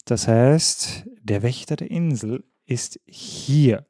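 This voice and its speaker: A man explains a board game's rules to his partner in a casual podcast chat. His voice is dark and mellow, his pitch middling, and it sits dry and close to the mic. He confirms each step with a patient, affirming word. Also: slow pace, no room sound. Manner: patient, affirming with short "Jawohl" and "Richtig".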